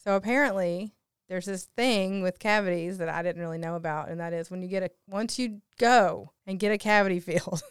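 A woman's voice: lowish voice, a little fast, smooth, no echo, clean studio sound. A woman hosting a podcast with casual, chatty talk. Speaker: podcast host. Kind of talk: casual podcast chat and introductions.

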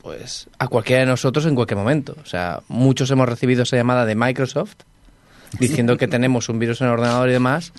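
A man co-hosting a podcast, explaining everyday online scams earnestly and deliberately. He pauses on fillers as he builds his point. His voice is mid-pitched and recorded dry. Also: no echo. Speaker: podcast co-host. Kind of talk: casual chat.

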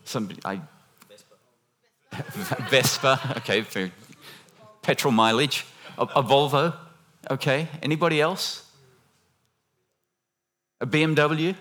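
A man preaching a sermon who talks with the congregation, halting with many restarts and fillers and making jokey, chatty asides. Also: medium pitch, fairly bright tone. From lived half in Australia, half in America. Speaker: guest preacher. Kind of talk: sermon with audience interaction.

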